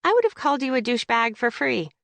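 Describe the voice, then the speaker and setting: A woman voicing a brisk, prickly young professional woman on the phone in an audiobook, speaking in a clipped, sharp way. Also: on the high side, big pitch swings, vocal fry, no room sound, pitched above the performer's own voice, heavily acted.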